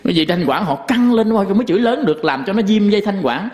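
A man's voice: high voice, expressive, quick pace, a little mellow, in a large hall. A man giving a Buddhist dharma talk in a folksy way, full of rhetorical questions and stories. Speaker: Buddhist monk teacher.

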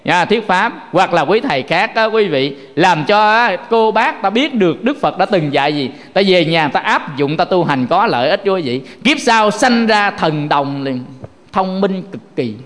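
A man's voice: sits high, lively intonation, unhurried, fairly bright tone. A man giving a folksy Buddhist sermon, talking conversationally and constantly addressing his listeners directly. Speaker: Buddhist monk preacher. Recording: long hall reverb.

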